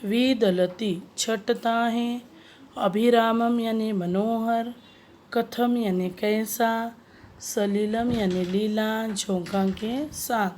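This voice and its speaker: A woman teaching a language lesson, reading out words and their meanings slowly and having pupils repeat after her. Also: fairly high pitch, fairly even intonation, darkish tone, a little hiss or hum. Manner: slow, deliberate, repeats words for pupils to echo. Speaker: Sanskrit teacher. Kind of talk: classroom lesson, explaining word meanings.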